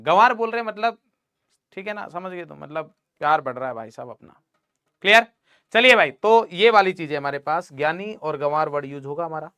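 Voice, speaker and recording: A man's voice: high voice, pushed and bright, smooth, no room sound, clean studio sound. A young man teaching chemistry in an online class, teasing and joking with his students. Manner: playful teasing, talks to students as "beta".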